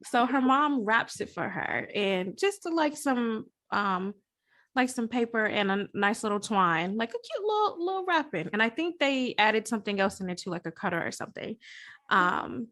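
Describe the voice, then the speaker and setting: Woman podcast host, kinda high voice, slangy and animated, laughs a lot. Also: normal speed. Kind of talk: casual podcast chat.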